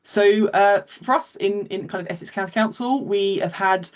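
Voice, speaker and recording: A woman's voice: mid-range voice, normal speed. Hesitant woman presenting a webinar. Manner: hesitant, many fillers. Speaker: webinar co-presenter, council data lead.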